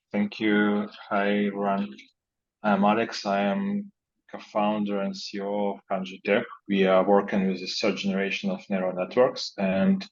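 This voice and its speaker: A startup CEO, a man, introducing himself on a video call in a measured way. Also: on the low side. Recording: dull lo-fi call audio.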